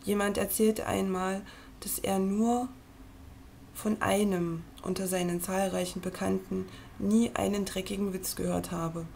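A woman reads a book aloud in a gravelly, fry-edged voice. Her delivery is measured and earnest, and she seems to speak straight to the listener. She is reading from a screen at her computer. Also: mid-range voice, little pitch movement, dark tone, slight background noise. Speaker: reader.

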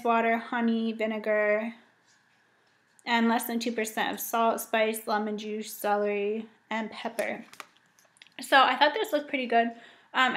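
Young woman, casual vlogger, slightly high voice, upbeat and chatty, webcam at home. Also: a bit bright. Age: young adult. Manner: chatty, upbeat, frequent ums and likes. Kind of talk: casual grocery haul vlog. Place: home dining room indoors.

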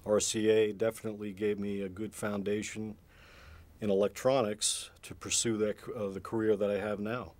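A man's voice: on the low side, flat delivery, normal speed, a little mellow. A man, a sound engineer, speaking plainly and hesitantly in an interview. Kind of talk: interview recollection.

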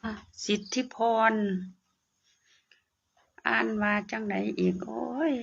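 An older woman with a rough, gravelly voice and an Isan lilt chats slowly through a casual live stream. She reads viewers' names and comments aloud. The audio is dull and lo-fi, with faint noise behind her. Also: a little high, steady tone, a bit bright. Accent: Isan (northeastern Thai).

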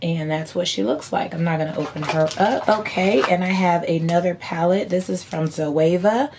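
Hoarse woman vlogger, noisy background. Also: on the low side, normal speed. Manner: chatty, informal, folksy. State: hoarse, voice partly lost from screaming. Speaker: beauty vlogger. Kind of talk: casual chat unboxing haul. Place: indoor room at home.

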